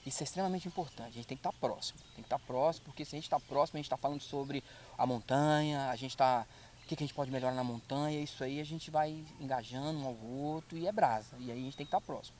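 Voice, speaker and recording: A man's voice: mid-range voice, fast, a little mellow, slight background noise. A man speaking as a podcast guest, earnest and repeating his points for emphasis. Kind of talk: casual chat.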